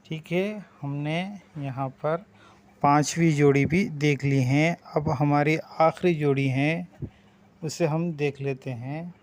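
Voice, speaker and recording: Slow, patient man teaching vowels. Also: a little high, steady tone. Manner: patient, drawn-out vowel demonstrations. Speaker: language teacher. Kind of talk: slow spoken language lesson.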